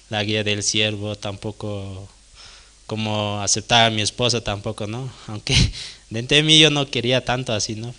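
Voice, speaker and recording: A man's voice: lowish voice, pushed and bright. A young man giving a personal testimony at a prayer service, hesitant and tagging nearly every phrase with a question. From Bolivia. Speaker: church member giving testimony.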